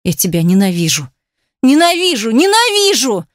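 A narrator puts on a venomous, hysterical woman who hisses sarcasm and shrieks her accusations. The voice swings high and sharp, heard close and dry. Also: animated, moderate pace, no echo, lightly acted. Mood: cold bitter. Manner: shrill, hissing, sarcastic.

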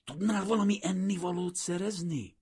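A man's voice: high-pitched, a little mellow, breathy edge, pitched above the performer's own voice. Man doing a cheeky, broke young painter. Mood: warm.

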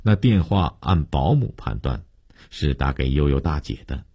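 A man narrating a story in a steady, measured audiobook style. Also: rumbling low, slightly rough, dry recording, studio quality.

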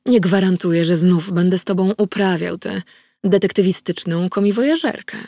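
A woman's voice: lowish voice, moderate pace, dark tone, dry recording. A woman reading the lines of a dry, sardonic male vampire in an audiobook, with curt remarks.

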